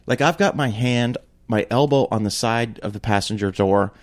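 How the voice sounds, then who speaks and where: A man telling a story in casual chat, animated and swearing freely, his pitch jumping when he gets worked up. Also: moderate pace.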